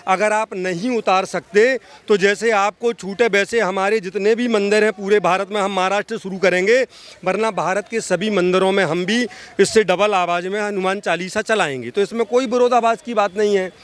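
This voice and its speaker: This man's voice sits high and smooth, with fairly even intonation and a moderate pace. As a social activist in a street interview, he argues politics passionately and oratorically, repeating phrases to drive them home.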